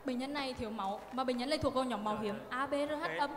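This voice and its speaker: Woman playing a polite, firm nurse, fast talk, echoey hall. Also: high voice. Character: dutiful young female nurse. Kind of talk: amateur stage drama. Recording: reverberant hall.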